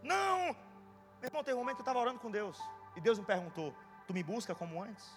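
A man preaching a sermon as pastor, impassioned, swinging between hushed moments and loud bursts. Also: high-pitched, expressive, fast, in a large hall, over music.

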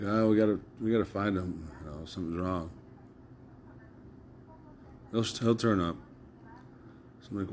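A man's voice: low voice, slight background noise. A man talking casually in a loose, rambling monologue, cursing and chuckling as he recounts things. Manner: loose storytelling with swearing and laughs.

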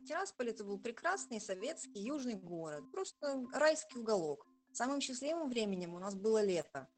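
A woman in her forties from Transnistria, a journalist speaking in an interview in a proud, thoughtful way with hesitant pauses. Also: on the high side, sing-song, soft background music. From Transnistria, Moldova. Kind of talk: conversational interview.

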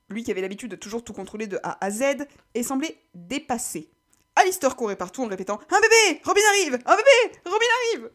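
A woman reading a story aloud as narrator. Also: medium pitch. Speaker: reader.

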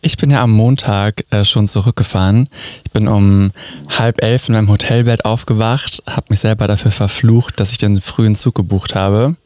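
A male podcast co-host with a lowish voice who drops dry, teasing remarks in relaxed chat. The recording is close and dry. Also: moderate pace, no room sound. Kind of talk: casual chat.

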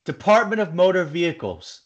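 A man's voice: sits high, expressive, a little fast, muffled recording. A married man from New Jersey co-hosting a podcast, ranting in casual chat and swearing often. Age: adult, married. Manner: profane ranting, grows loud and heated. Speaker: podcast co-host.

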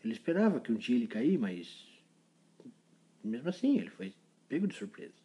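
Man spinning a kids' story, playful, husky and warm. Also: medium pitch, a little fast. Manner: playful, animated storytelling with sound effects. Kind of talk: improvised children's story.

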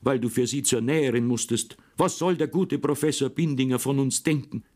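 A man's voice: mid-range voice, fairly quick, a little mellow, pitched above the performer's own voice, close to an everyday voice. A man voicing an angry middle-aged mother in an audiobook, scolding in a raised voice. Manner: scolding, indignant.

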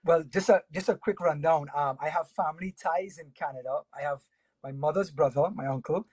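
A man from Trinidad and Tobago, a sports broadcaster, talks easily as a guest, unhurried and amiable. His voice sits a bit high with a husky, breathy edge. The sound is dry and close. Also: dry recording. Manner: relaxed, friendly, with fillers and pauses. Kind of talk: casual interview chat.

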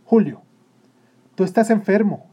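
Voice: medium pitch, animated, unhurried, warm tone, slightly rough, lo-fi sound, pitched above the performer's own voice. A narrator voicing a caring mother who speaks in a worried, urgent way.

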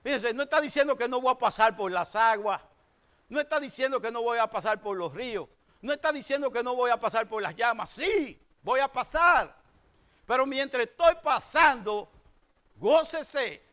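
A man in his sixties preaching a sermon to his congregation, swinging between emphatic raised bursts and quiet asides. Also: very high-pitched, lively intonation, moderate pace. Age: 60s. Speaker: pastor.

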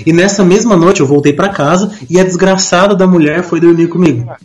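A man's voice: high-pitched, fairly quick. A man on a voice call, telling a long story to friends in casual chat with lots of slang and acted-out lines. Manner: animated, slangy, acts out other people's lines. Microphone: headset or desk mic on a voice call.

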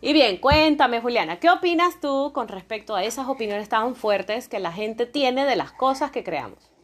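A woman's voice: fairly high pitch, expressive, moderate pace. A woman presenting as a kids show host, addressing her listeners as young children.

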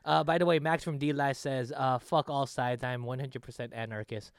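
A man's voice: mid-range voice, steady tone, normal speed, smooth, dry recording, studio quality. A man hosting a casual talk show, speaking in an emphatic, sweary way. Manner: emphatic, profane.

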